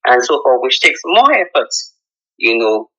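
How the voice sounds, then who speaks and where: A man co-hosting a radio show, making a halting, filler-filled plea. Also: medium pitch, big pitch swings, a bit bright, dull audio. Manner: halting, filler-heavy pleading. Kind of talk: radio interview.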